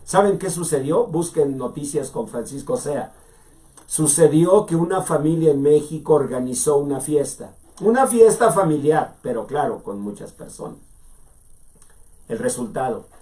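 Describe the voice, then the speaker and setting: A man preaching a sermon, slow and deliberate, dropping to hushed low lines and rising to emphatic ones. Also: expressive.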